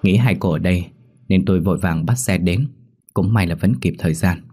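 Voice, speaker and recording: A man doing a hurried hesitant messenger man. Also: deep voice, a little mellow, breathy edge.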